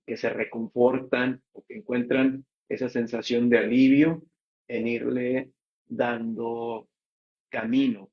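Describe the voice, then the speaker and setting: A man's voice: mid-range voice, husky, dull audio. A man hosting an interview, praising his guest's work and rephrasing himself as he leads into a question. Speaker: interview host.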